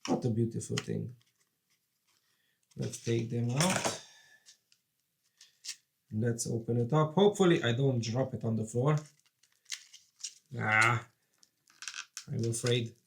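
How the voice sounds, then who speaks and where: A man talking at an unhurried, drawn-out pace, his voice stuffy and congested from a cold. He narrates a hands-on PC build in a casual, chatty way, nervously excited. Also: medium pitch, gravelly, noisy background. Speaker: PC building vlogger.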